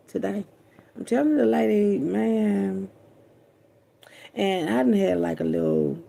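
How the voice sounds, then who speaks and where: Woman vlogging, heavy vocal fry, super casual and cussing, chatting to y'all. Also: mid-range voice, warm tone. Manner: loose, profane, chatty, talks to viewers as y'all. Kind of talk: casual late-night vlog chat.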